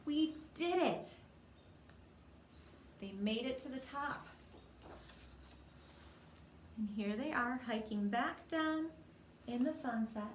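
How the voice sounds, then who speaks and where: A woman with a fairly high voice reads a children's picture book slowly, with frequent pauses. Her storytelling is expressive; she plays out the dialogue and directs questions at her young listeners. The sound is echoey, with a little background noise.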